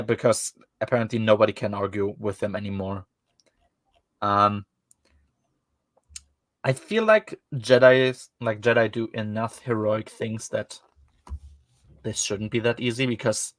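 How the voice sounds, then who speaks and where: A man's voice: on the low side, dry recording. A man with a German accent, hosting a casual book-discussion podcast and talking in a rambling, wry way with many fillers. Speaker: podcast host.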